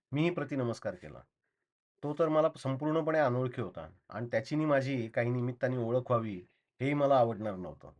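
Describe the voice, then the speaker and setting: A man reading a short story aloud in a calm, steady first-person narration. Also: mid-range voice, lo-fi sound.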